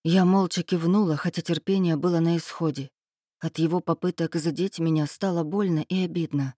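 A woman reading a first-person story aloud as an audiobook narrator, even and measured. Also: lowish voice, dry recording, clean studio sound.

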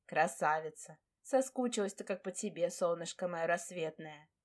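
A woman's voice: fairly low pitch, normal speed, darkish tone, close to an everyday voice. A woman voicing a fussing, loving old nanny who speaks in a doting, folksy way.

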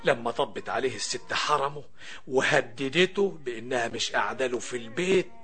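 A man's voice: mid-range voice, fairly quick, sharp tone, close to an everyday voice. An actor with an Egyptian accent playing a talking banknote, a yearning captive who tells his tale to the audience in florid, plaintive narration. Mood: storytelling. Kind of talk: theatrical storyteller narration addressed to the audience.

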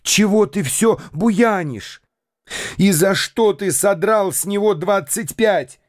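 An actor voicing a timid, excitable young man in a radio play. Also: sits high, slow, no room sound, studio quality, pitched above the performer's own voice. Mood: pleading.

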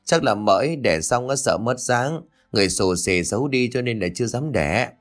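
A man's voice: medium pitch, animated, normal speed, natural voice. A man voicing a sly, teasing young governor's daughter in a spoken ghost story.

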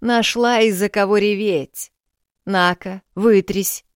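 A woman voicing a loud, blunt village granny. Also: medium pitch, fairly even intonation, slow pace, clean tone, no echo, clean studio sound, voice pushed up, close to an everyday voice. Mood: indignant. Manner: loud, scolding, folksy. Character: elderly village landlady, blunt, earthy, fussing.

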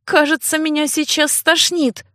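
A woman playing a shrill, defiant young noblewoman. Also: flat delivery, unhurried, no echo, clean studio sound. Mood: queasy whiny. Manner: shrill, indignant, shouting. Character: fiery young noblewoman, defiant and hot-tempered. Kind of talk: audiobook character voice.

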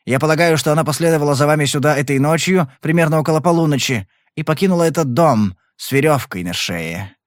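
A man voicing a calm, persistent male private detective in an audiobook, questioning in a blunt, probing way. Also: a little high, quick pace, hardly any pauses, no echo, clean studio sound, pitched above the performer's own voice, natural voice.

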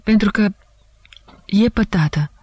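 A man's voice: high voice, darkish tone, dry recording, pitched above the performer's own voice. A woman reading the part of a pale male doctor who confesses in a solemn, formal voice. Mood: grave, solemn.

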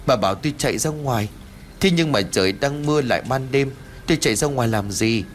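A man's voice: mid-range voice, moderate pace, slight background noise, voice pushed up, close to an everyday voice. A man voicing a frightened, injured old village man who stammers and sounds bewildered in a horror audiobook.

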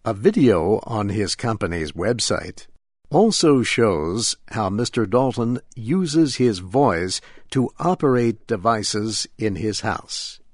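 A man narrating a scripted news program, reading deliberately and with care. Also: fairly low pitch, big pitch swings, no room sound, studio quality. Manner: deliberate, carefully paced reading.

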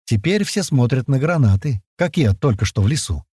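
A man narrating a first-person audiobook in a lively, slangy, conversational way. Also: mid-range voice, moderate pace, husky, dry recording, clean studio sound.

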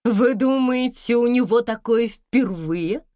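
Brief: haughty, mocking wife, read by a woman; scornful, pressing, unhurried, very dry close sound. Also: fairly high pitch, a little mellow, no echo, pitched above the performer's own voice. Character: confident mocking wife, middle-aged woman.

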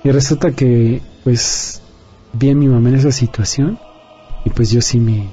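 A man's voice: medium pitch, steady tone, a little slow, warm tone, breathy edge. A man giving an earnest personal testimony as an interview guest. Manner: earnest, confiding storyteller. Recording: dull lo-fi audio, faint music.

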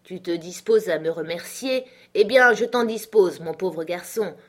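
A woman's voice: on the low side, unhurried. A woman voicing a boisterous middle-aged country doctor in an audiobook, brash and exclaiming. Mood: jovial. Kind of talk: audiobook character voice.

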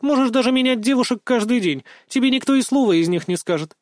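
A man voicing a chatty, cheeky teenage schoolgirl who teases with rapid-fire questions in an audiobook. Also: extremely high pitch, animated, a little mellow, no echo, studio quality, voice pushed up. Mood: playful.

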